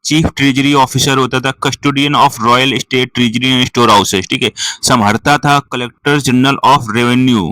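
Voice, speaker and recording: A male coaching teacher giving a fast revision lecture, rattling off lists and mixing Hindi with terms, with a constant filler of "theek hai". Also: mid-range voice, steady tone, bright, forceful tone, dry recording, poor audio. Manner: rattles off lists, switches freely between Hindi and English terms; keeps adding "ठीक है" as a filler.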